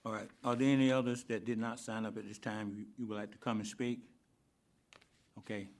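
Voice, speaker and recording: Low-voiced man chairing a meeting. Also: little pitch movement, fairly quick, darkish tone. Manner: plain, procedural, calls on speakers. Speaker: planning board chair. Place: county meeting room.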